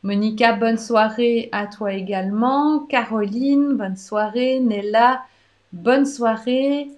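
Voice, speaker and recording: A woman's voice: a little high, slow pace. Belgian woman hosting a chatty live Q&A. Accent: Belgian French. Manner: chatty, warm toward viewers, many "euh" hesitations and restarts. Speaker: pharmacist and aromatherapy trainer hosting a live Q&A. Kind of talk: live online Q&A, reading and answering viewer comments.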